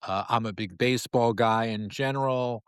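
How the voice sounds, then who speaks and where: A man's voice: mid-range voice, normal speed, clear, resonant tone, dry recording, clean studio sound. A man from New York City hosting his own talk show, speaking in a loose, rambling monologue full of fillers and restarts. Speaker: podcast host. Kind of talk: casual monologue.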